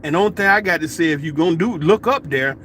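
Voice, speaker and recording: Animated, slangy male storyteller. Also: on the high side, fast talker, slight background noise. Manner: animated storytelling, colloquial, laughing asides. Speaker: vlogger. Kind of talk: casual opinion monologue.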